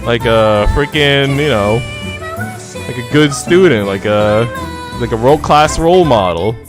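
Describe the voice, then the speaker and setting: A man with a medium-pitched voice live streams at a measured pace, joking, teasing and using slang. He switches between casual chat and reading story narration aloud, with background music under his voice.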